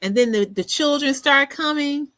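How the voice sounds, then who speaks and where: Animated woman podcast host, dry sound. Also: sits high, normal speed, dry recording. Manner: animated, laughs often, repeats words for emphasis. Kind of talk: casual solo commentary.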